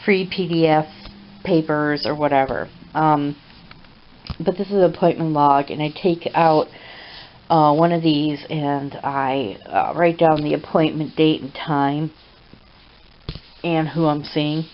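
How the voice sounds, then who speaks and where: A woman with a low voice talks at home in a casual vlog. She speaks haltingly, with many pauses and fillers. The recording is dull and lo-fi with steady background hiss. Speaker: vlogger. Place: at home indoors.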